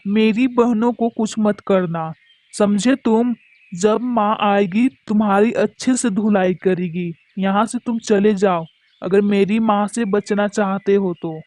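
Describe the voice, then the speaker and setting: A woman's voice: mid-range voice, a little mellow, no room sound, close to an everyday voice. A woman voicing a brave young girl bird chick in a cartoon, defiant and pleading by turns.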